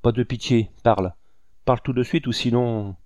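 A man's voice: medium pitch, fairly even intonation, moderate pace, a little mellow, no room sound, natural voice. A man reading an audiobook, voicing a fierce old hunter who gives harsh, threatening commands. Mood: menacing. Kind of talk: audiobook character voice.

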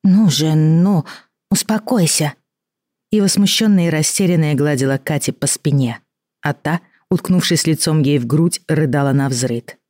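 A woman narrating an audiobook in a measured, expressive reading. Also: low-pitched, dry recording, studio quality.

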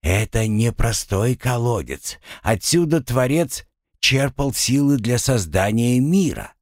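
A man's voice: mid-range voice, sing-song, slow pace, dry recording, studio quality, voice pushed up. A man doing a grumbling drowned spirit. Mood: aggrieved. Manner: complaining, exasperated. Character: drowned man's spirit, grumbling, self-pitying, wry. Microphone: close studio mic.

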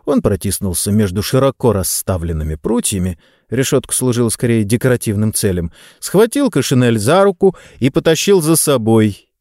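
A man narrating an audiobook in an expressive storytelling manner. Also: medium pitch, moderate pace, hardly any pauses, no echo, clean studio sound. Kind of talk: scripted narration.

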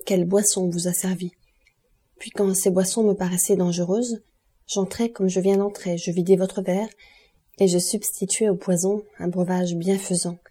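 A woman voicing a mysterious male count in an audiobook, speaking in a hushed, grave and insistent way. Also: fairly low pitch, husky. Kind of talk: audiobook character reading.

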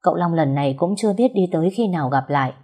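Woman, storybook narrator, measured reading, low voice, husky. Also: animated, warm tone.

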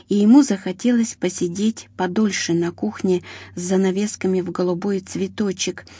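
A woman narrating an audiobook, telling the story in an even, measured way. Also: mid-range voice, breathy edge, no room sound. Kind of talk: scripted narration.

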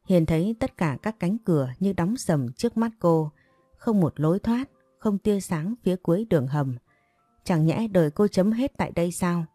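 A woman reads a story in a steady, even way. Her voice is low and dark, dry and close, with faint music under it. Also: no room sound. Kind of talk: scripted story narration.

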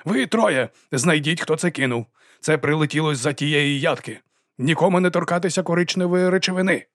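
A cold, ruthless male leader barks orders in a high, strained voice, put on by a male audiobook reader. The recording is dry and close. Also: brisk, a bit bright, dry recording. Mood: yelling orders. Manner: shrill barking commands.

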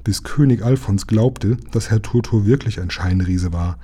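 A man narrating a children's storybook aloud in a calm, even reading. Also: on the low side, normal speed, husky. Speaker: audiobook reader.

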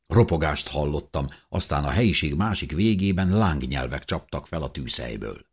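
A man's voice: rumbling low, lively intonation, husky. A man narrating a novel in the first person, telling the story expressively as an audiobook reader.

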